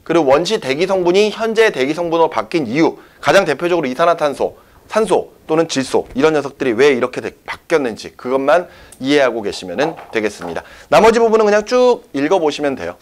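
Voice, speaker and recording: A male science teacher lecturing a class, his pitch sitting a little above the usual for a man. He talks with a very animated, rising and falling voice, and he keeps checking in with his students as he explains. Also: fast talker. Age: young adult. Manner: lively, checks often with students.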